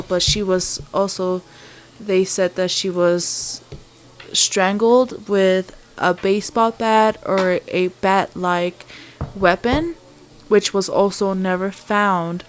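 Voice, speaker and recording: A woman vlogger telling a true-crime story in a casual, conversational way while cooking. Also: medium pitch. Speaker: vlogger and host. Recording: sizzling food, clear background noise.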